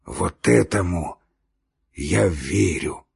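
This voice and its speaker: A man voicing a gaunt dying man, bitter and mocking, who wheezes and rasps and forces out slow, halting words. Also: low voice, expressive, exaggerated voice. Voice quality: wheezing, rasping. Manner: slow, strained, halting speech.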